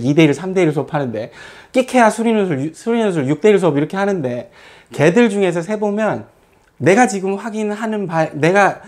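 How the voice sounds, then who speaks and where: A man teaching a math academy class, lecturing students in a blunt, scolding way, with casual swearing and many rhetorical questions. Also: a little high. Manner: lively, lots of rhetorical questions.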